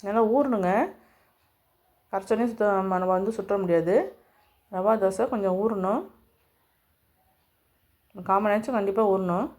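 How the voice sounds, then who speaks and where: A woman's voice: medium pitch, fairly even intonation, normal speed, pauses often, a little mellow. A woman, hosting a home cooking demonstration and explaining each step straight to her viewers. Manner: homely step-by-step instructions, speaking to viewers directly. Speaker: cooking channel host.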